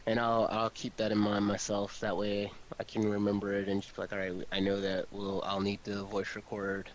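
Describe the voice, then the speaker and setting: A man directing and editing voice recordings talks in a lowish, monotone voice, a little fast, with some hiss or hum. The casual work chat is informal and profane, with "like" coming up constantly.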